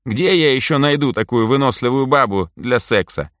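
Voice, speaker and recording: A man voicing Mitka, a nervous and gruff young man, in a raised, tense voice in an audiobook. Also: mid-range voice, unhurried, fairly bright tone, dry recording, clean studio sound, pitched above the performer's own voice, close to an everyday voice. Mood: agitated.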